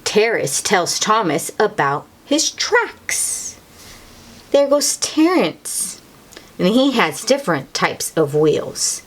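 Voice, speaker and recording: A woman reads a children's picture book in a medium-pitched, very lively voice, taking her time. She speaks to the young listener directly and, in a teacherly manner, repeats and underlines the key words.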